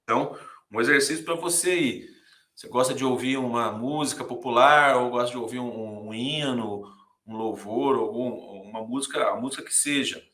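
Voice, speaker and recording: A man's voice: mid-range voice, normal speed, fairly bright tone. A Brazilian man teaching a music class, talking to students casually and counting beats aloud. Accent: Brazilian Portuguese. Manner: talks to students directly with many "né, gente", sings and counts beats aloud. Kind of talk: casual recorded lecture. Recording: echoey room.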